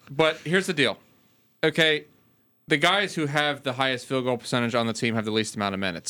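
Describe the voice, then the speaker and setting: A man's voice: medium pitch, bright, forceful tone, clean tone. A man co-hosting a sports podcast, reeling off game stats in casual talk and correcting himself as he goes. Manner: rattles off stats and corrects himself mid-sentence. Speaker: podcast co-host.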